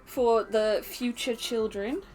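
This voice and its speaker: A young woman with an Australian accent chatting casually on a stream, animated and laughing often. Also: slow pace. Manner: chatty, reads chat aloud, laughs often, animated with pitch jumps. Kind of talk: casual chat while unboxing.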